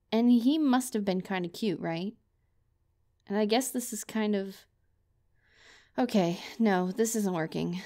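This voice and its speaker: A young woman acts out a comedic girlfriend role-play with a playful, teasing ramble. Her voice sits at an ordinary middle pitch and stays close to the mic. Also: a little mellow. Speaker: audio role-play performer.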